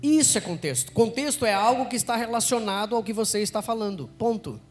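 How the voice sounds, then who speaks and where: A Brazilian man teaching public speaking live to an event audience, energetic, constantly quizzing the room. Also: high-pitched, quick pace.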